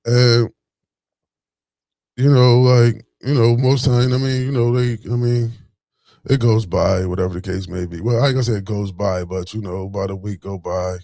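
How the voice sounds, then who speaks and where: A man's voice: fairly low pitch, fairly even intonation, normal speed, vocal fry, dark tone, no echo. A man in his forties telling a story in a casual, rambling monologue full of fillers and restarts. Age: 40s.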